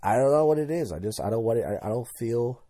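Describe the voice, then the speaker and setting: A man's voice: medium pitch, animated, quick pace, dark tone. A man in his thirties hosting a solo podcast, talking casually and candidly, rambling and tripping over his words as he goes. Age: 30s. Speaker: podcast host.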